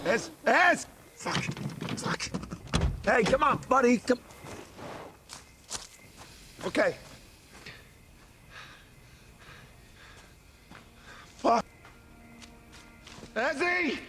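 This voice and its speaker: Frantic film father, high-pitched and slow, strained, cursing under his breath, noisy film audio played back. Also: sing-song, music in the background, heavily acted. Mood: panicked. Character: desperate adult father on the run with son. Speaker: father character in a film clip.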